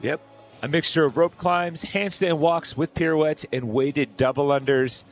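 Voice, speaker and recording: A man's voice: on the high side, measured pace, faint music behind. A man giving analytical sports commentary on athletes and their past form.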